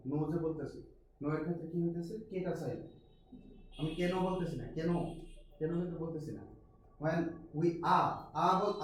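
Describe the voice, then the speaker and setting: A man's voice: fairly high pitch, far from the mic. A man with a Bangladeshi accent teaching an English class, mixing Bengali and English and asking his students questions. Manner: mixes Bengali with English, asks students questions, frequent restarts. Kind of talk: classroom lecture. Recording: very echoey classroom with some noise.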